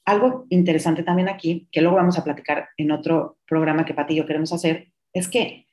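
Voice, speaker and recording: A woman's voice: deep voice, steady tone, a little fast, dark tone. A middle-aged woman, hosting a podcast and telling a personal story in a candid, reflective way, sometimes slipping English words into her speech. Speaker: podcast host. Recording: roomy echo.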